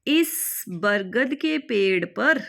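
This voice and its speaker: A woman teaching a Sanskrit lesson in Hindi, reading each word and then repeating its meaning, clearly and patiently. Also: a little high, animated, slow, a bit bright. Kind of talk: slow explanatory lesson.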